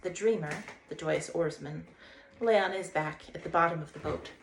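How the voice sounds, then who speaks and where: As host of a read-aloud, a woman narrates a children's story expressively at a moderate pace. Her voice sits slightly low with plenty of creak, and the roomy, echoing space carries faint noise.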